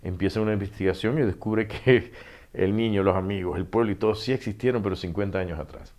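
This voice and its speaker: Middle-aged panamanian guy, very low voice, spins stories and does the lines. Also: fast. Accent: Panamanian Spanish. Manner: animated storyteller, acts out dialogue, laughs often. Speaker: author guest. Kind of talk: casual interview storytelling.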